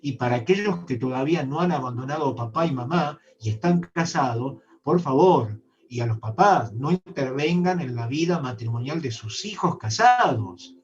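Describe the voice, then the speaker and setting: A man's voice: medium pitch, animated, normal speed, hardly any pauses. Earnest preaching man. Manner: earnest, speaks directly to listeners. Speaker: bishop preaching to a congregation. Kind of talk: sermon. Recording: distant, dull online-meeting audio.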